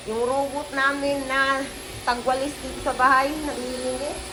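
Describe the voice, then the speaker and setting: A woman's voice: high voice, flat delivery, a little slow, noisy background. A woman with a Visayan accent chatting casually to her viewers while doing chores at home, filmed on a handheld phone. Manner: chatty, talks to viewers as "day" and "mga inday". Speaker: vlogger. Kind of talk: casual home vlog chat. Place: home kitchen and porch, indoors.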